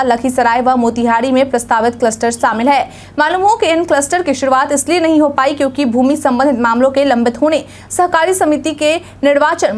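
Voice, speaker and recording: Young woman, news anchor, high voice, formal even delivery, studio bulletin. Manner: formal, even newsreader delivery, seated at desk. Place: studio news set, indoors.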